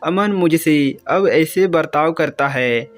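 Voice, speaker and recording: A man voicing a troubled young housewife who is lonely and tearful, speaking in a gentle, weary way over faint music. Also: a little high, slow. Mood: sad.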